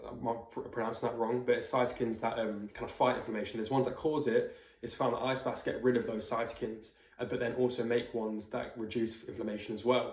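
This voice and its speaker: Fast-talking man in an echoey room. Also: medium pitch, a little mellow. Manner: informal, occasional swearing. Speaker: vlogger doing a personal challenge check-in. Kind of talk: casual talk to camera. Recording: roomy indoor echo.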